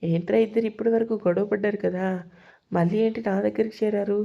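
A woman's voice: medium pitch, steady tone, quick pace, creaky, highs cut off. A woman voicing a jovial middle-aged father in a storybook reading, joking affectionately with his daughter.

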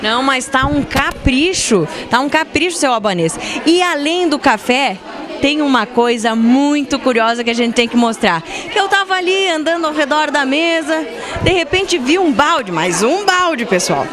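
A woman's voice: high voice, animated, moderate pace. Young female field reporter, chatty and upbeat, handheld mic, busy crowd behind. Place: indoor hall at a farm event.

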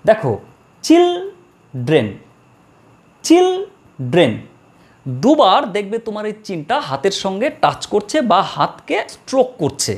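Animated woman teaching grammar. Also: mid-range voice. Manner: slow drawn-out model words, repeated for students. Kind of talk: classroom lesson.

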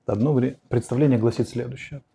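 A man's voice: medium pitch, fairly even intonation, brisk, creaky, warm tone, slight background noise. A man in his forties answering viewer questions on philosophy in a livestream, speaking reflectively and explaining at a whiteboard, recorded on a lapel mic in a curtained studio room. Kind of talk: livestream lecture on philosophy and psychology.

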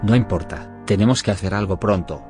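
A man plays a level-headed young cartoon hero. His voice sits fairly low, over clearly audible music. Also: a little fast, lightly acted. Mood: urgent. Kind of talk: animated comedy dialogue.

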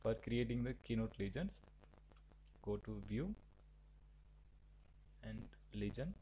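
A man teaching a software tutorial, giving halting step-by-step instructions with frequent restarts. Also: fairly low pitch, lively intonation, a little hiss or hum, low-quality recording. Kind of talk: screen-recorded software tutorial.

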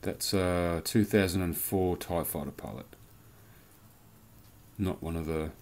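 A man's voice: deep voice, a little slow, gravelly. A man casually reviewing a collectible toy in a rambling, chatty vlog from his home beer cellar. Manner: chatty, rambling, loose slang.

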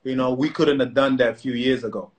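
Speaking fast in a steady, mid-range voice, this middle-aged co-host from South Sudan chats casually over a phone video call from inside his home. He's recounting his story, full of restarts and repeated "you know"s.

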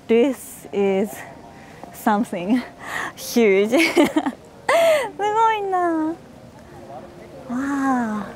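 Woman, travel vlogger, breathless on temple steps, unhurried and high, faint music underneath. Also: lively intonation, a little mellow, slight background noise. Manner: exclaims often, laughs a lot, searches for words. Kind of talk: casual walking vlog. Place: outdoors at a temple with many steps.

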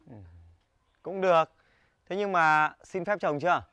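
An actor playing a gruff, worried father who grumbles in a lively way. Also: on the high side, measured pace, dry recording.

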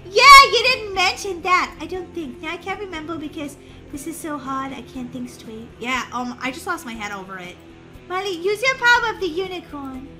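A woman with a high-pitched voice hosts a gaming video, delivering excited, playful and dramatic gameplay commentary aimed at young viewers.

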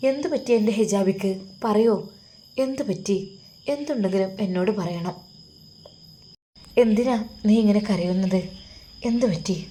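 An eager young man presses with urgent, pleading questions, voiced by a woman in her own warm tone. He speaks with a lilt, in a soft, mellow voice. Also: medium pitch, unhurried, long pauses, a little hiss or hum, lightly acted.

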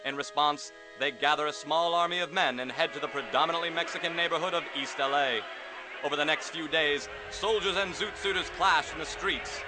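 A man narrating as a dramatic 1940s newsreel announcer, with an emphatic, declamatory delivery and dramatic pauses. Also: fairly high pitch, lightly acted. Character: punchy old-time newsreel announcer, male, adult. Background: music under the narration.

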